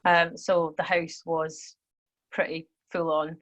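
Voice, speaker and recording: Guest: Scottish woman with a lowish voice, chatty and relaxed, telling her story in casual conversation. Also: slow, rough recording. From Scotland. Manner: chatty, laughs easily, speeds up when recounting. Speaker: podcast guest.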